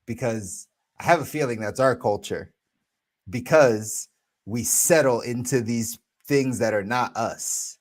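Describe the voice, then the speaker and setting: A man's voice: mid-range voice, measured pace. A man in his thirties co-hosting a podcast, talking things through in a casual, reflective way and often checking in with "right?". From United States. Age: 30s. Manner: reflective, thinks aloud with many "right?" asides. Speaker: podcast co-host. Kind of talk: casual chat.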